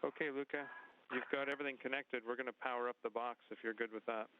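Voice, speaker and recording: Flat, low controller voice over radio. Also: male voice, a little hiss or hum. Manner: calm, measured directions. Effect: space-to-ground radio link. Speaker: ground controller talking to spacewalkers. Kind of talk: procedural radio instructions. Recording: tinny radio link.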